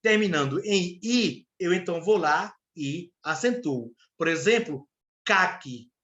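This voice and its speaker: Brazilian guy teaching online class, high voice, swoops up and down a lot, keeps asking "right?". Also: lively intonation, a little slow, fairly bright tone, lo-fi sound. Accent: Brazilian Portuguese. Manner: explains step by step, keeps checking in with students. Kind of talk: live online class lecture.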